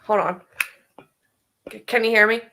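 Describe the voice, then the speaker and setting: A fairly high-voiced woman talks casually on a remote call, her computer mic breaking her voice into a glitchy, robotic-sounding distortion. Her tone is bright and edgy, chatty and a little apologetic. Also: steady tone, measured pace, slight background noise. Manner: apologetic, chatty, says "like" often. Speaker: podcast co-host. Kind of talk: casual chat. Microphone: computer USB mic on a remote call.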